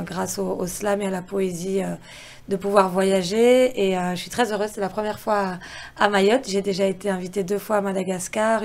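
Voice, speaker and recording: A woman's voice: medium pitch, gravelly, darkish tone. A woman from Belgium, a slam poet guest, answering thoughtfully with some hesitations. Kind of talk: interview answers.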